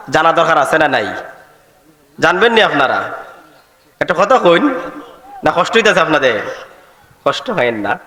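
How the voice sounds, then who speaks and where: A man with a Sylheti accent delivers a waz sermon in a high, bright, piercing voice. He chants his lines in rising melodic calls to the crowd. The sound rings through an echoey hall with a long tail of reverb. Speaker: Islamic preacher. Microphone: microphone at a public gathering.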